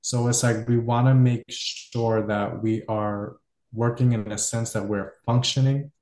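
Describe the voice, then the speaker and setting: A man's voice: medium pitch, steady tone, measured pace, darkish tone, roomy sound. A man hosting a podcast, musing at length in casual conversation with many fillers. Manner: reflective, loosely structured, many fillers. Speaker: podcast host.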